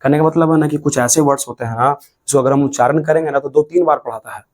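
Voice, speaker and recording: An English grammar teacher with a Bihari Hindi accent speaks fast in a fairly high voice while teaching at the writing board of a classroom. He drills his points repetitively and stretches words out syllable by syllable.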